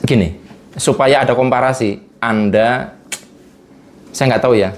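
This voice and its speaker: A man's voice: mid-range voice, a little slow, a little hiss or hum. A man in a casual interview, explaining with everyday examples and chuckling often. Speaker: guest speaker on vibration and energy.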